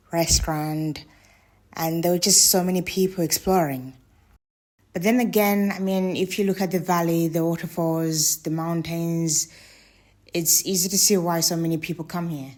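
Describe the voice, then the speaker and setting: Low-voiced woman narrating a travel vlog. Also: darkish tone. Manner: chatty and candid, openly unsure of pronunciations. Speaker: travel vlogger. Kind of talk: casual voice-over narration.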